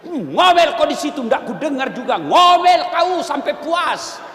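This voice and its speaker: A man's voice: very high-pitched, fairly even intonation, a little fast. A man voicing a scheming husband fed up with his nagging wife, in an echoey hall. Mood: gloating. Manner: coaxing, then gloating shouts.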